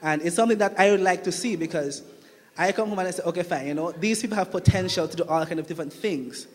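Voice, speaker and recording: A man's voice: high voice, fast. A young man from Saint Kitts with a Kittitian accent, giving an impromptu, conversational personal testimony at a public meeting and repeating phrases for emphasis. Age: young adult. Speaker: returning student speaking at a town hall meeting. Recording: reverberant hall with long echo.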